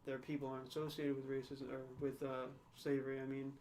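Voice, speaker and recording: This young man co-hosts a podcast, and his medium-pitched, darkish voice comes out completely flat and fast, with slight background noise. Chatting casually, he thinks things through and hedges, peppering his talk with "right?" and "you know."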